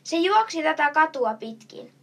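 A woman's voice: sits high, sing-song, a bit bright, far from the mic, voice pushed up, exaggerated voice. A woman voicing an eager, polite storybook boy. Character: eager young boy chasing a chameleon.

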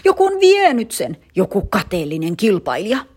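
A high, shrill boy's voice squealing in panic, as a woman reading a storybook puts him on. The pitch leaps wildly, the voice husky at the edges. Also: huge pitch swings, darkish tone. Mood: frantic. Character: excitable boy swimmer, shrieking over lost cap.

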